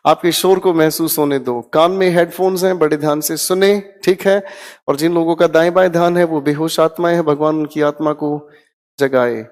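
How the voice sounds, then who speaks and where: An energetic man teaches English vocabulary in Hindi for exam prep. He drills each word aloud with his students and keeps checking that they follow. His voice sits a little high and rings in a long hall reverb.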